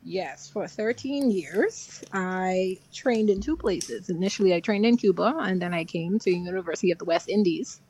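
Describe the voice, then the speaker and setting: A woman's voice: on the low side, moderate pace, few pauses, a little mellow, a little hiss or hum, low-quality recording. A Bahamian woman in her thirties, a family medicine resident, speaking politely as a podcast guest. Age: 30s. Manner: polite and proper, laughs easily. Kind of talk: casual interview.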